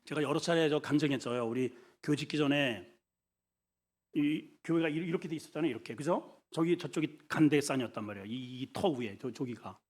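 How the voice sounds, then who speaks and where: A middle-aged man, a senior pastor, preaching an animated sermon and having the congregation repeat lines after him. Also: a little high, a little fast. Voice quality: mock shouts for comic voices. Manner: animated storytelling, leads the congregation in call-and-repeat.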